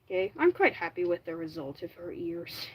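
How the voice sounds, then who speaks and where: Making a fursuit on a livestream, this native Dutch speaker with a Flemish accent chats away in a lowish, very animated voice with a breathy edge at normal speed. She frequently says "like" and restarts or fixes her sentences partway through.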